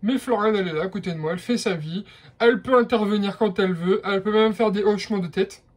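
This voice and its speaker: A man's voice: high voice, fast. A man from France with a French accent, explaining a how-to in a hesitant vlog style with many fillers. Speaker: vlogger.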